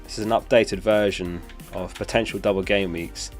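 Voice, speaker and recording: A young man's fairly low voice stays steady at a moderate pace, with music faintly behind it. Hosting a live stream, this streamer chats casually and handles questions from chat while recovering from a lost voice.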